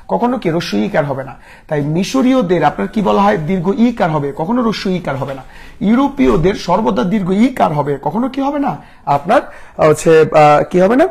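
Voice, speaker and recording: A young man with a Bangladeshi accent runs a live online spelling lesson. His voice sits high and sounds husky, with a gravelly fry underneath. He keeps asking his listeners questions, answers them himself, and greets viewers by name. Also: darkish tone. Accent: Bangladeshi Bengali.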